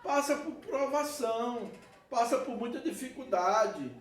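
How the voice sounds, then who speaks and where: A man with a Brazilian Portuguese accent, a pastor preaching an animated sermon with laughter and asides. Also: very high-pitched, a little slow. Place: church hall. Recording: echoey church hall, mic at a distance.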